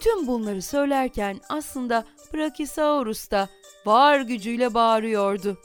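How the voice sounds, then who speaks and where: A woman reading a children's story aloud in an expressive, animated storytelling manner. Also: fairly high pitch, unhurried, smooth, faint music behind.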